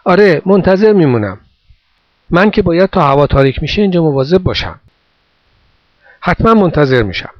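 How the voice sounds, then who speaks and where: A man's voice: on the high side, big pitch swings, no room sound, pitched above the performer's own voice. A man reading a story voices a small, tired boy who speaks earnestly and pleadingly. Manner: earnest, pleading childlike delivery. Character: small war-orphaned boy, worn out, watchful. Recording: dull dry recording.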